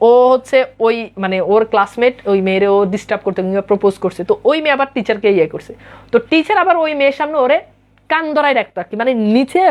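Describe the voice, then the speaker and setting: A woman, speaking in a fairly high voice, teaches a class. She reads lines of old formal prose aloud and then explains each one in casual speech, answering her students' comments as she goes. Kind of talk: explaining a Bengali text line by line.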